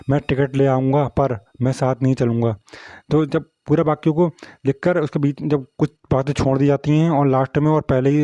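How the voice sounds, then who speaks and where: A man's voice: medium pitch, warm tone, no echo, muffled recording. A man teaching a Hindi grammar lesson, explaining punctuation marks and often asking whether students understood. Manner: repetitive, asks "samjhe?" often.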